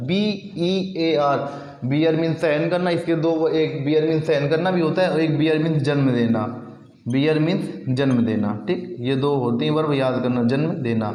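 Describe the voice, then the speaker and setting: A man's voice: on the high side, darkish tone. Man chanting English words in an echoey room. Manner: drawls and repeats words in a sing-song chant. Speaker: vocabulary teacher. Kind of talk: exam vocabulary lesson, spelling words aloud. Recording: echoey room with long reverb.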